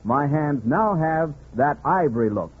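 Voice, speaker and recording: A 1940s radio announcer reads commercials with a polished, emphatic sales delivery, his voice on the high side, animated, slightly rough, and measured in pace. The recording is muffled and phone-like, typical of 1940s radio.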